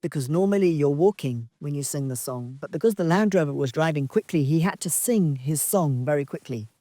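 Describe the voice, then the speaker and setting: A woman from Zambia giving a slow, halting, reflective dharma talk as a meditation teacher on a retreat. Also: low voice, lively intonation, warm tone, dry recording, clean studio sound. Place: outdoor retreat in wilderness.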